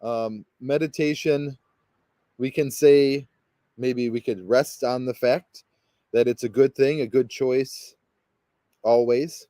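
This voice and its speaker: A man's voice: medium pitch, fairly even intonation, takes it slowly, long pauses, dark tone, dry recording. A man leading a guided meditation as a spiritual guide, talking in a rambling, hesitant way full of fillers and restarts.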